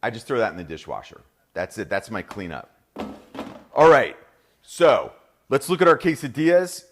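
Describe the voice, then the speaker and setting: A man's voice: mid-range voice, sing-song, moderate pace, slight background noise. A middle-aged man with a New Jersey accent, hosting a live cooking demonstration in an upbeat, chatty way and talking straight to viewers. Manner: upbeat, chatty, addresses viewers as "you guys". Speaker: cooking show host.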